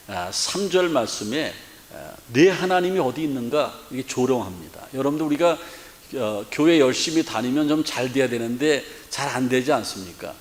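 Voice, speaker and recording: A man from Korea, a pastor giving an earnest sermon full of rhetorical questions and filler sounds. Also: medium pitch. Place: church sanctuary. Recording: long church hall reverb.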